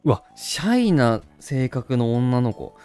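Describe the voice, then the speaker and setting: A man's voice: mid-range voice, very animated, slow, warm tone, clean tone, soft background music. A man hosting a gaming channel, chatting casually and doting on a virtual puppy while reading the game text aloud.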